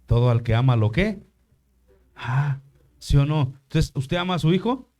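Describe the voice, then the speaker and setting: Older pastor preaching in church, warm dark tone, keeps asking the crowd stuff. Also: male voice, mid-range voice, animated, moderate pace. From Mexico. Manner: preaches with rhetorical questions to the congregation. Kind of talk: sermon.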